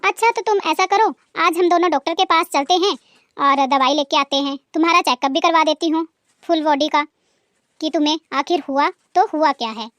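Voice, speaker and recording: A woman voicing a kind, honest, hardworking sister-in-law who speaks gently and politely. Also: high voice, fairly quick, no echo, studio quality. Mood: caring.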